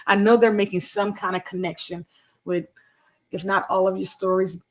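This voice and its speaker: A woman's voice: medium pitch, flat delivery, normal speed. A woman hosting a faith-based interview show, encouraging her guest and quoting scripture. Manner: encouraging, affirming, quotes scripture. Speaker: podcast host.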